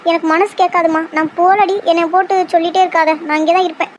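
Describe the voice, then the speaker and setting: A woman's voice: extremely high pitch, steady tone, quick pace, dull audio, a little hiss or hum. Woman voicing a fretful doting cartoon mother. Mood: pleading. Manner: emotional, pleading. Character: fretful middle-aged mother, doting and dramatic.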